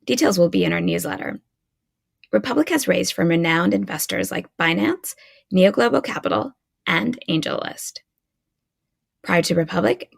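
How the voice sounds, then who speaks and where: A woman's voice: medium pitch, creaky. A woman hosting an interview podcast, reading an upbeat scripted intro and then chatting with her guest. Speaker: podcast host.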